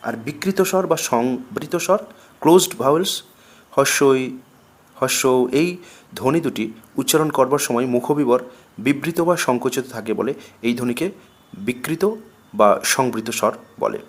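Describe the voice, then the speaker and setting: A man with a Bengali accent reads a grammar lesson aloud in a measured classroom delivery. He dictates questions and rules at a slow, deliberate pace and repeats each example word. His voice sits at an ordinary middle pitch. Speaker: teacher.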